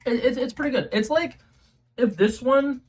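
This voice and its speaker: A young New England man with a very high, slightly rough voice hosts a casual taste-test vlog at a moderate pace. As a YouTube host, he chats and rambles with many ums and restarts, in a room at home lit by a color-changing globe light.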